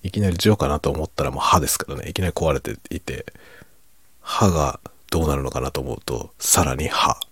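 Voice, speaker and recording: A middle-aged man in a quiet, rambling, self-deprecating late-night monologue meant for falling asleep, in a hushed voice that often drops toward a whisper. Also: a bass voice, a little fast, slightly rough, no room sound. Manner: self-deprecating, rambling, chuckling under his breath. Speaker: fiction writer chatting to listeners.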